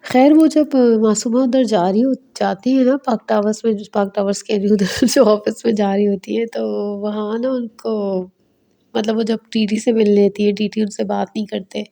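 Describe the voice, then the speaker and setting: A woman with a Pakistani Urdu accent talks through a drama episode in a relaxed, conversational recap. Her tone is mellow and warm, at a middle pitch. Now and then she slips into the characters' lines as she retells the scenes. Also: creaky. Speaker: drama reviewer.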